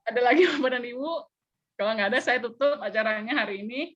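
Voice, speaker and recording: A woman trainer giving an online personality talk, telling stories in an animated way with playful sound effects. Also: a little high, quick pace. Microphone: video call. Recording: dull lo-fi video call audio.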